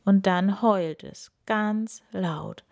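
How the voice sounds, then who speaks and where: A woman reading a children's story aloud in an expressive, deliberate way. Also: medium pitch.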